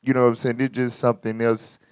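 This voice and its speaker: A man hosting a casual talk show, commenting on clips in an animated, slangy way with lots of laughter. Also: medium pitch, quick pace, smooth, dry recording, clean studio sound. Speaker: host.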